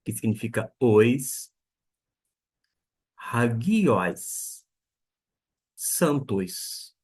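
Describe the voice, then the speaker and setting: Slow, husky Greek teacher. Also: male voice, medium pitch, big pitch swings, a little mellow. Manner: slow and deliberate, spelling out pronunciations. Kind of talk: beginner language lesson.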